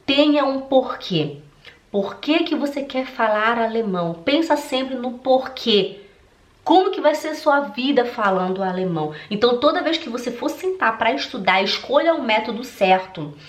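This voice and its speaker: Recorded in an echoey room, an animated woman delivers a motivational talk to camera at normal speed, her voice a little high. She is a German teacher and online course creator from Belém do Pará, Brazil, and she speaks emphatically, addresses viewers directly, and laughs easily.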